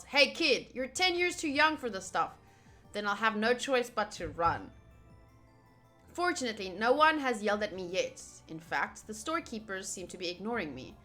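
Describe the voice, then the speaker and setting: Streaming a visual novel, this woman reads the game's text and keeps cutting in on herself with playful, chatty remarks. She speaks at a medium pitch with a sharp tone.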